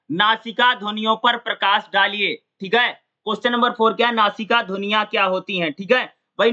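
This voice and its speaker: A man teaching an exam-prep lecture, repeating points and quizzing his listeners with quick questions. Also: sits high, sharp tone. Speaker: exam tutor. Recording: dull lo-fi sound.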